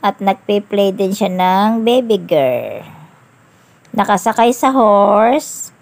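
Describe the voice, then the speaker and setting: Slow, hushing woman babysitter. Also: mid-range voice, expressive, gravelly. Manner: soft coaxing baby talk, hushing; mixes English words into her talk. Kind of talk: vlog, talking to a toddler.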